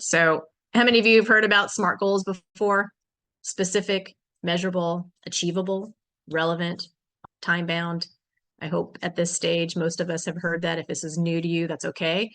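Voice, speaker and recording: A woman's voice: fairly low pitch, fairly bright tone. A woman teaching a farm business workshop in a frank, chatty way, with many fillers and restarts. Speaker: workshop instructor. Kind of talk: conversational farm business lesson.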